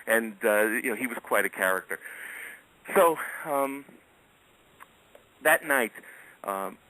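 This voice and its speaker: A man's voice: medium pitch, lively intonation, takes it slowly, pushed and bright, no echo, low-quality recording. A middle-aged man telling casual anecdotes as a radio guest, chatty and chuckling often.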